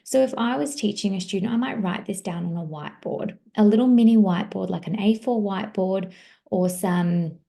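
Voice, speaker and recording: A former teacher giving a parenting webinar, encouraging and demonstrating words slowly, syllable by syllable. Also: female voice, medium pitch, vocal fry, warm tone.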